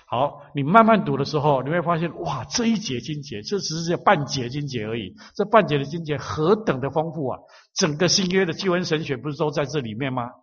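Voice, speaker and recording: Husky man preaching with slow repetition. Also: fairly high pitch, expressive, highs cut off. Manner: slow, emphatic repetition of phrases. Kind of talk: sermon teaching.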